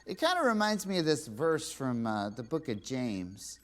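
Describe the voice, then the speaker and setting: A woman voicing a curious, easily confused male puppet doctor who gently explains Bible lessons in a children's church show. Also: a bass voice, very animated, moderate pace. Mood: explaining.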